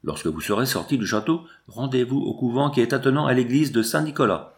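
A man reads a classic novel aloud at a measured pace, his pitch sitting in the middle of the male range. He takes on every character's lines without putting on distinct voices, keeping the delivery steady and literary. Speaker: audiobook narrator.

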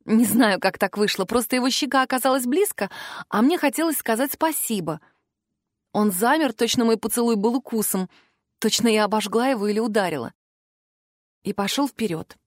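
A woman narrating a fantasy novel in the first person with a soft, expressive delivery into a close microphone. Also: a little high, normal speed, no room sound. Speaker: audiobook narrator.

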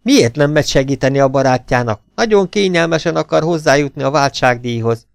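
A man's voice: medium pitch, expressive, gravelly, clear, resonant tone, dry recording, clean studio sound, faint music behind, voice pushed up. A man doing a scornful, indignant young woman. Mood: agitated. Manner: hissing, contemptuous retorts. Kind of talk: audiobook character voice.

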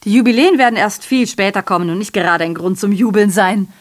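In a radio drama, an actress plays a female messenger who is sardonic and aggrieved, speaking fast in a mid-range voice with light acting. Her monologue wanders, full of rhetorical questions and self-corrections, and it comes across as muddled and sardonic.

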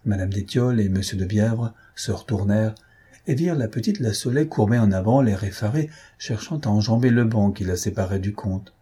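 Husky, dark-voiced male narrator. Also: on the low side, brisk. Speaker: audiobook reader. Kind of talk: read-aloud novel narration.

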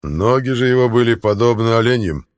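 A man voicing a proud king who holds back his anger, speaking slowly and solemnly. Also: mid-range voice, animated, clean tone, voice pushed up, close to an everyday voice. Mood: grave, restrained fury. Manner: slow, solemn and measured. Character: angry old king hiding his fury.

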